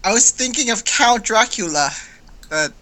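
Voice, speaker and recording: A woman's voice: on the high side, animated, moderate pace, background noise. A woman recording voice lines in a casual session, giggling, flustered and stumbling over restarts.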